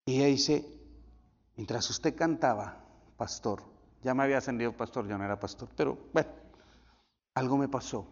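Preacher guy, goes loud then drops almost to a whisper, big echoey church, kinda dull audio. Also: medium pitch, moderate pace, pauses often. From Colombia. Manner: animated storytelling with sudden drops to near whisper. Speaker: pastor. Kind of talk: sermon.

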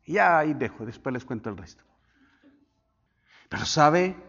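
A male pastor preaching a sermon, swinging from loud declarations to hushed asides and having the congregation repeat after him. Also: a little high, expressive, moderate pace, highs cut off.

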